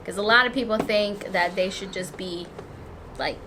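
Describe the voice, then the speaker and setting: A woman's voice: medium pitch, moderate pace, background noise. A woman co-hosting a vlog, chatting casually while eating and giving emphatic, motivational advice. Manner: emphatic, motivational, repeats for stress. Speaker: vlog co-host.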